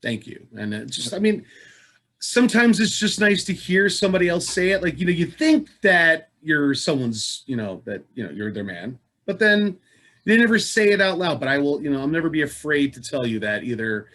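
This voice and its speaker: A man's voice: on the high side, animated, a little fast, fairly bright tone. Middle aged guy hosting a podcast, playful and wry, kinda rambles, casual chat. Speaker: podcast host.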